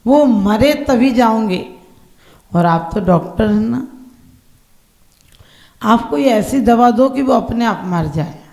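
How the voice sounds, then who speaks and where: A headstrong young bride speaks in a story, as a woman preacher voices her. The voice carries a gravelly texture and rings in a roomy, echoing space. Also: fairly high pitch, expressive, takes it slowly, long pauses, a little mellow. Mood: stubborn. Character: young daughter-in-law, stubborn then softened.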